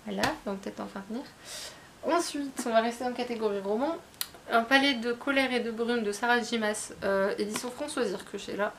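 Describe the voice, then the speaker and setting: A woman's voice: a little high, a little fast, background noise. A woman chatting casually about her book haul, talking in a hesitant way with many fillers and restarts. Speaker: book vlogger.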